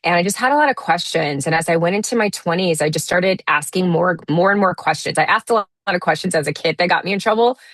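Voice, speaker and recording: A woman in her thirties talking in a relaxed, reflective way as an interview guest, often restarting her sentences. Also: lowish voice, quick pace, hardly any pauses, no room sound. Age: 30s. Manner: reflective, many restarts and fillers. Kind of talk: casual interview talk.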